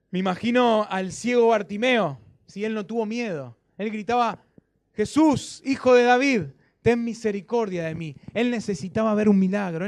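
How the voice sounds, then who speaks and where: A man preaching a sermon in a Rioplatense Spanish accent, repeating phrases for emphasis and often checking in with a quick "¿sí?". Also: high-pitched, dry recording. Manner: questioning the congregation with frequent "¿sí?". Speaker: pastor.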